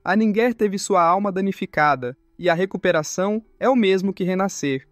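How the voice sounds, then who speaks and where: A steady, self-assured young hero from a comic recap, read by a man. The voice is fairly high, close to the mic and dry. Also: a little fast, no echo, soft background music. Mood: reassuring.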